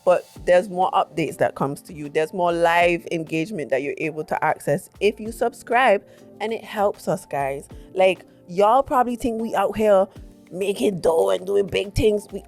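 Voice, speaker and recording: A woman's voice: fairly low pitch, moderate pace, a little mellow, soft background music. A young woman co-hosting a podcast in a chatty, slangy way. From Dutch Caribbean islands. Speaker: podcast co-host. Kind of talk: casual podcast chat.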